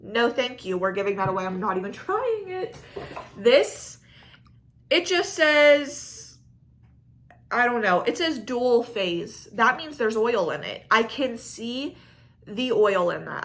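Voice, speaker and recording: Pregnant young woman, bright voice, rambly chatty makeup review vlog, lots of "like". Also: fairly high pitch, expressive, measured pace, gravelly. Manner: rambling, frank, lots of "like" and "I don't know". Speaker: beauty vlogger. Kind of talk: casual chatty product review.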